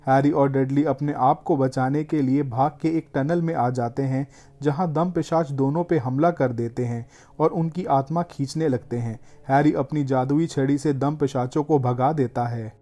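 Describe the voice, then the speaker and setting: A male narrator delivers a scripted retelling in a steady, even manner. His tone is very dark and warm, with an unhurried storyteller's flow. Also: mid-range voice. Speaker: film recap narrator.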